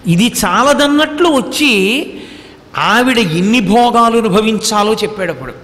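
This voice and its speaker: Male devotional speaker, high voice, storytelling discourse with recited verses. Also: expressive, measured pace, fairly bright tone, in a large hall. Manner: storytelling with acted quotes and Sanskrit verses. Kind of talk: Telugu devotional discourse on scripture.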